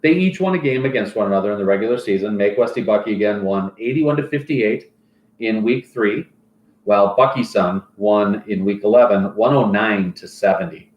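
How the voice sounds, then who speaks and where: A man's voice: fairly low pitch, brisk, darkish tone. A man acting as a fantasy football league commissioner, reading stats and mock sponsor plugs in casual banter. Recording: roomy echoey room.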